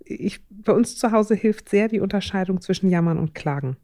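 A woman's voice: medium pitch, normal speed, dark tone, dry recording, clean studio sound. A middle-aged woman giving parenting advice in a casual podcast conversation, thinking aloud with many hesitations and fillers. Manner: thoughtful, hesitant with frequent fillers. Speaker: parenting advisor.

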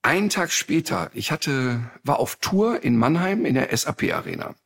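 A man's voice: fairly high pitch, creaky. A man hosting a podcast, telling a story casually and with animation, often dropping a "ne?" as he goes. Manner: animated, drawn-out storyteller with frequent "ne?". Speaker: podcast host.

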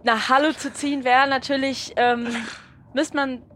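A woman's voice: high voice, little pitch movement, unhurried, a bit bright, slight background noise. A woman from Berlin hosting a podcast, chatting casually on a train and affirming her guest often. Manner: talkative, chatty, lots of affirming "ja". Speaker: podcast host. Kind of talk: casual conversation.

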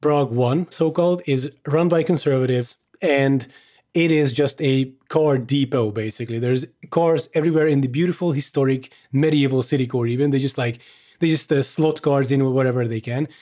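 A man from Hungary talking casually as a guest, animated and chatty, with many fillers and restarts. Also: mid-range voice, normal speed. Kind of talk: casual conversation.

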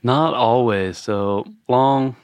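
A man's voice: medium pitch, drawn-out words, clear, resonant tone, no echo. A man from Northern Ireland, a guest on a podcast, telling stories in an easygoing, casual way. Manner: easygoing storyteller, many fillers. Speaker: guest, beverage director. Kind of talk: casual interview chat.

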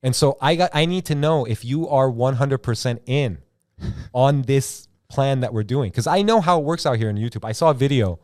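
An Iranian man hosts a YouTube chat show, telling rambling stories full of slang, constant "like"s, and free swearing. His mid-range voice moves at normal speed, captured in a dry, clean studio recording.

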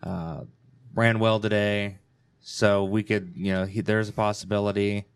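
Flat, smooth-voiced man on a podcast. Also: fairly low pitch, measured pace, dry recording. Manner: hesitant, many ums and restarts. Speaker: podcast co-host. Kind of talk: casual sports podcast chat.

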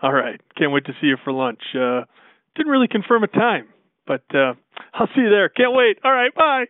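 A man's voice: high-pitched, very animated, normal speed, dry recording. A man, a podcast co-host, leaving a rambling, offhand phone voicemail full of fillers. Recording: tinny phone-line voicemail.

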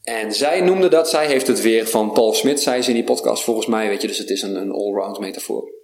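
Man, podcast guest, casual rambling stories, animated, roomy echo. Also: fairly low pitch, brisk. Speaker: podcast guest, vitality coach. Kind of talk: casual conversation. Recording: roomy sound with faint background noise.

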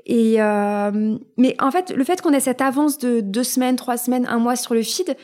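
A woman's voice: on the high side, normal speed, mellow. A woman guest in a casual interview, talking with many fillers and restarts.

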